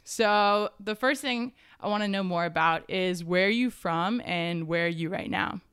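Hosting a podcast, a woman introduces her guest and puts questions to them with upbeat enthusiasm. Her mid-range voice is unhurried, fairly bright, clear and resonant. The recording is dry, with clean studio sound.

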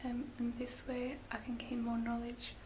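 A woman whispering gently as a spa beauty therapist in an ASMR roleplay, slow and soft with little fillers. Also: fairly high pitch, completely flat delivery. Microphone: close sensitive mic. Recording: hissy close mic.

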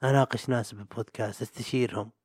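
A man's voice: medium pitch, fairly even intonation, racing, darkish tone, slightly rough, no room sound, studio quality. A young man, hosting a solo podcast in a rambling, chatty, self-mocking way. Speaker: podcast host. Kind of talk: solo casual podcast monologue.

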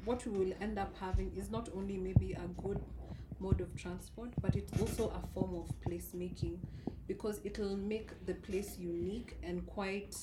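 A woman's voice: mid-range voice, steady tone, moderate pace. A woman with a Kenyan accent discussing ideas casually as a podcast panellist. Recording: clearly noisy background ambience.

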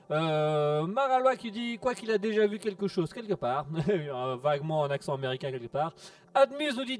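A man hosting a casual radio show, reading out listener messages with relaxed jokes that trail off into low mutters. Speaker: radio host. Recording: distant mic with music behind.

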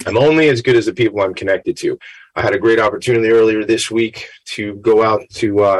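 A middle-aged man with a gravelly, slightly tired voice, hosting a show in an informal, chatty, folksy way. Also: on the low side, low-quality recording. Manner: folksy, chatty, self-branding patter. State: a little tired after a late night. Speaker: show host. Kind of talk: informal upbeat talk-show monologue.

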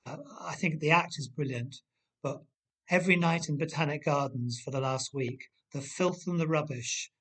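A man's voice: on the high side, fairly bright tone. A man with an English accent speaking as a podcast guest, indignant and emphatic. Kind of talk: passionate discussion.

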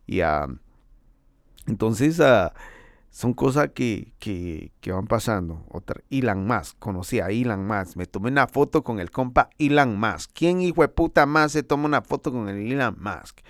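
A man's voice: medium pitch, animated, unhurried, no room sound, studio quality. A man delivering a casual, profane monologue. He talks in slang, swears freely, jokes and boasts, and laughs often. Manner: boastful and joking.

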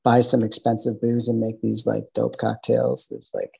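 Easygoing Midwestern guy, husky and dark-toned, rambles through stories on a podcast. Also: mid-range voice, completely flat delivery, normal speed, low-quality recording. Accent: Midwestern American. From American Midwest. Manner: loose, rambling, lots of fillers and restarts. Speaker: podcast guest, bartender. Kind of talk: casual interview chat.

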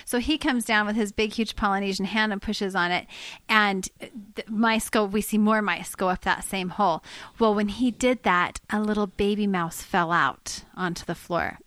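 A woman in her forties, co-hosting a casual home podcast and telling a story with lively, acted-out quotes. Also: mid-range voice, moderate pace, no room sound. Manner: animated storyteller, acts out quoted voices. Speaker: podcast co-host. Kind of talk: casual chat.

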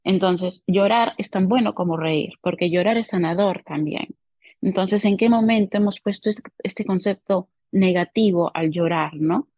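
Husky-voiced woman psychologist on a call. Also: medium pitch, normal speed, a little mellow, no room sound. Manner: earnest, explanatory, keeps adding tag questions. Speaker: guest psychologist. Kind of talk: casual interview conversation. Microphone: remote call. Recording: dull lo-fi call audio.

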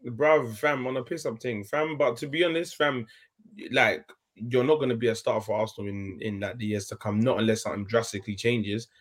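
A man's voice: medium pitch, fairly quick. A man with an urban London roadman accent, chatting about football in slangy, emphatic, repetitive banter. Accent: London, urban street slang. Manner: slangy, emphatic, repeats himself. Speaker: football fan panellist. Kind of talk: casual banter and football chat.

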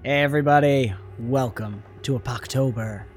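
A man hosting a tabletop game livestream, upbeat and quick to laugh. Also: medium pitch, faint music behind. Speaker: host. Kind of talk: livestream intro and chat.

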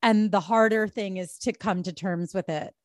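A woman in her forties, a podcast guest telling personal stories in an animated way, swearing freely and laughing often. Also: mid-range voice, normal speed, no echo, clean studio sound. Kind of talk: candid conversational interview.

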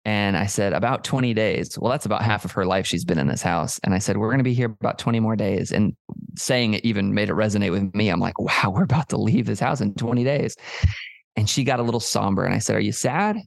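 A man's voice: lowish voice, fast talker, gravelly, no echo. A man, a podcast co-host and pastor talking in an earnest, reflective way and telling stories. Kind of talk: casual chat.

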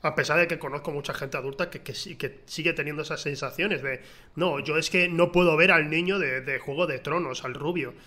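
A man's voice: on the high side, brisk. A man, co-hosting a casual film chat and telling stories with acted-out quotes. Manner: animated storyteller, acts out quotes. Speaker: podcast co-host. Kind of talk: casual chat about films.

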